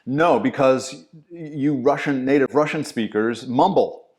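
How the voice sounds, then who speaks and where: This middle-aged man, an acting teacher, has a medium-pitched voice and talks a little slowly. Chatting casually in a podcast interview, he tells vivid stories and animatedly performs other people's lines, curses included.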